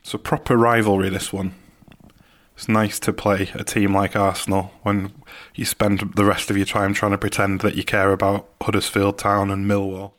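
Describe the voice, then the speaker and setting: A man with a somewhat low voice co-hosts a football podcast. He is earnest and stands by his view, slipping in dry jokes as the chat goes on. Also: flat delivery, moderate pace, fairly bright tone. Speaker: podcast co-host. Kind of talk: casual sports chat.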